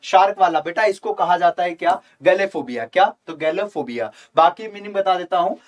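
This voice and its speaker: A man teaching English vocabulary in a live online exam-prep lesson, coaxing viewers to comment and chanting memory tricks in a slow singsong. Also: high-pitched. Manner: addresses viewers as children, asks for comments.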